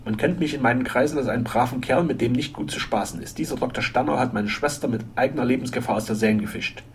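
A man voicing a burly, blunt French henchman who speaks gruffly and issues menacing warnings in a storybook reading. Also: medium pitch, quick pace, a little hiss or hum, close to an everyday voice. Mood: stern.

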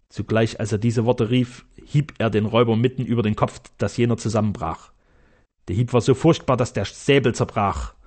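A man narrating a classic adventure novel in a measured, steady storytelling manner. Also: lowish voice. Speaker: audiobook narrator. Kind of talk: scripted narration.

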